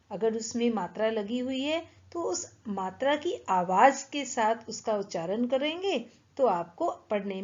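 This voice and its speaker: A woman teaching young children to read, saying each word slowly and carefully and repeating it. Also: fairly high pitch. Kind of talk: children's Hindi reading lesson. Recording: dull lo-fi recording.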